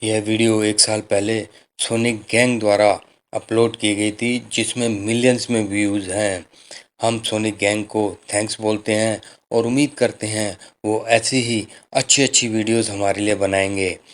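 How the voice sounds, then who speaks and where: A man retelling a cartoon story as scripted narration, in a steady, even manner. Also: on the low side, moderate pace.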